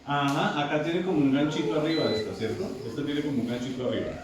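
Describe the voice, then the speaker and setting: A man teaches an English pronunciation lesson to a class, repeating himself and frequently asking whether students follow. His voice is fairly high and quick, picked up by a distant mic in a very echoey, noisy classroom with a crowd in the background.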